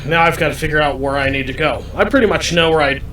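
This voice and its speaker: A gamer commentates a playthrough, explaining the controls to viewers in a bright, forceful, slightly high voice. He goes through each step deliberately and circles back over his points. The recording is roomy and distant, with faint background noise.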